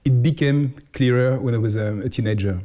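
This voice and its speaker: A man in his forties with a French accent, a priest answering interview questions in careful English, often pausing to find his words. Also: mid-range voice, dark tone. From France. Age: 40s. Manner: halting, searching for English words. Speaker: priest, house superior.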